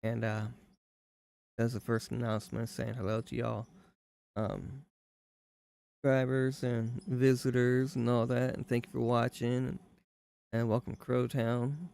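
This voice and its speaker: A man in his thirties with a drawl hosts a live game stream from home, talking in a loose folksy ramble that drifts off mid-thought. His voice is gravelly with an everyday middle pitch. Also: flat delivery, a little slow, pauses often, a little mellow. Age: 30s. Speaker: live-stream gaming host.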